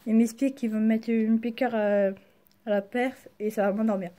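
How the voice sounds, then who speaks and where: Mellow young Frenchwoman talking after wisdom teeth removal. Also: a little high, fairly even intonation. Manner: halting, slangy, searching for words. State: sore mouth after wisdom teeth removal, careful speech. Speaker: vlogger. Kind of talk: casual personal storytelling to camera.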